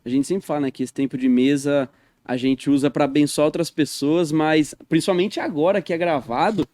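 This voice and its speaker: Higher-voiced man hosting, warm. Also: steady tone, moderate pace, no echo, studio quality. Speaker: podcast host. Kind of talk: casual church podcast chat. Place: podcast studio.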